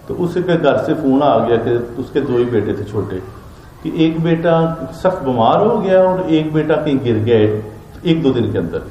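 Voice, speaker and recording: A man's voice: medium pitch, mellow. A man telling stories about a revered elder in an earnest, reverent way, in casual spoken recollection. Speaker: storyteller recounting memories of a spiritual elder. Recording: echoey room with faint ambient noise.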